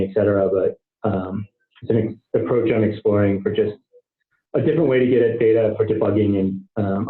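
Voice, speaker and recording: Man, technical meeting call, thinks aloud, um fillers, restarts, phone-like sound, roomy echo. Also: on the low side. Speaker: software engineer presenting work. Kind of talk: technical working-group call. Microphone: online meeting call.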